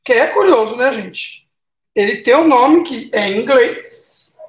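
A man's voice: very high voice, animated, measured pace. Brazilian male live-stream host, chatty, friendly toward viewers, roomy and slightly muffled stream audio. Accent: Brazilian Portuguese. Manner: chatty, greets viewers by name, tag questions.

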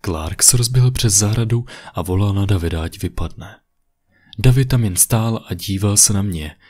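Guy reading a creepy story, low husky voice, steady pace. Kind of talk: creepypasta narration. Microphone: USB condenser mic.

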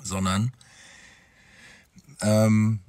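A man's voice: fairly low pitch, little pitch movement, very slow, darkish tone, dry recording. A man telling his own story as a father in a personal vlog, talking straight to his viewers in a conversational way.

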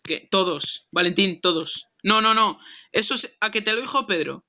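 A man's voice: sits high, normal speed, bright, forceful tone, lo-fi sound, a little hiss or hum. A young man from Spain, commentating his gameplay brashly and swearing as he argues with someone off-mic. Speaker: gaming streamer.

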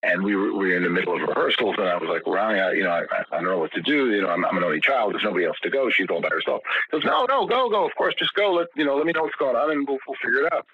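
A musician guest in a casual interview tells long stories, restarting often and repeating words. His lowish, slightly rough voice is expressive and very fast with few pauses, and the audio sounds dull.

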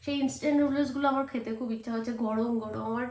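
A woman's voice: fairly high pitch, fairly even intonation, rapid-fire, a little mellow, roomy sound. A young woman with a West Bengal Bengali accent, vlogging casually from home and talking straight to her viewers. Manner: talkative, addresses viewers directly. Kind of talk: casual chatty vlog to camera. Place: at home indoors. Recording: clear background noise.

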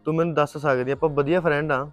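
A man's voice: fairly high pitch, fairly even intonation, quick pace, faint music behind, lightly acted. A young man in a short film playing a caring college friend who reassures her. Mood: concerned. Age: young adult.

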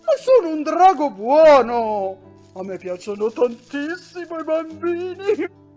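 Storybook dragon, woman actor, lonely and kind, booming, slowish and pleading, higher pitched than expected. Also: big pitch swings, mellow, soft background music, exaggerated voice.

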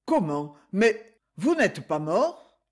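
A woman's voice: mid-range voice, very animated, slow pace. A woman voicing a puzzled young man who stammers apologies and questions. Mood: flustered apologetic. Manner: hesitant, apologetic.

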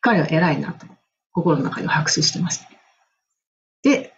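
Animated middle-aged Japanese woman storyteller. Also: deep voice, normal speed, lo-fi sound, a little hiss or hum. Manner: animated, enthusiastic, laughs often. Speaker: English and music coach. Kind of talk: casual storytelling monologue.

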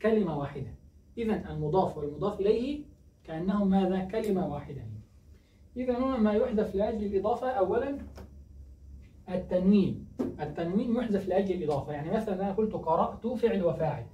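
Grammar teacher with a mellow voice, drills key terms through repeated questions, heard from a distance with faint background noise. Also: mid-range voice, lively intonation, fast. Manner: asks questions and answers them, repeats key words. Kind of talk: grammar lesson. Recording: echoey distant dull recording, faint noise.

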